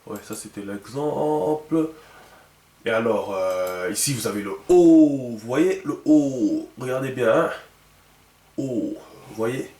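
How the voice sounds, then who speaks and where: A man's voice: mid-range voice, animated, a little slow, warm tone. A man teaching a lesson, patient and checking often that the viewer follows. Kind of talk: instructional video lesson. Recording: echoey room.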